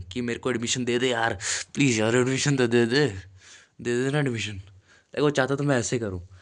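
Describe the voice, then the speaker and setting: Young man, very low voice, casual storytelling, chatty, english words mixed in. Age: young adult. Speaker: vlogger.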